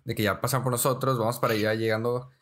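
A young man, a podcast co-host telling stories in slangy, animated casual chat. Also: medium pitch, quick pace. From Mexico. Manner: slangy, says "güey" constantly, animated storyteller.

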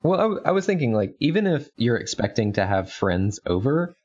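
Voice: medium pitch, big pitch swings, fairly quick, a little mellow. Hesitant podcast guest on a dull mic. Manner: hesitant, restarting, joking. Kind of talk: casual comic book podcast chat.

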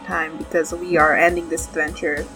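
A woman narrating as game master of a tabletop game, relaxed and halting. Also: deep voice, over loud music, poor audio.

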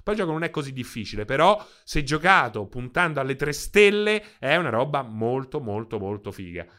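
A man, streaming games live and chatting with his viewers in an excitable, profane, ranting way, holding a handheld microphone. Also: medium pitch, a little fast. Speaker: video game streamer. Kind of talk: casual live-stream chat.

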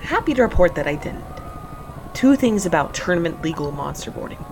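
A woman's voice: lowish voice, sing-song, fairly quick. A young woman narrating and acting as a sarcastic, profane heroine caught up in a dangerous stunt. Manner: sarcastic and profane, often panicky. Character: sardonic young woman narrating her own reckless stunt. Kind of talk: first-person audio drama narration. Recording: audible background noise.

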